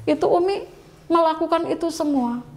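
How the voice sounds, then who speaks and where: Middle-aged woman, high voice, emotional testimony with pleading prayers. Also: normal speed, a little mellow. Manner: refers to herself as Umi, pleading quoted prayers. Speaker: guest telling her conversion story.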